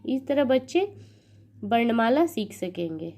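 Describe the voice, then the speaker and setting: A woman's voice: a little high, very animated, measured pace, mellow. A young woman teaching a grammar lesson, spelling words sound by sound and counting each sound aloud. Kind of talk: slow explanatory grammar lesson.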